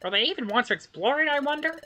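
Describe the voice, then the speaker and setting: Bright, lively woman reading game dialogue. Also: sits high, fast talker. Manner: expressive, animated line reading. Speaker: game player voicing dialogue.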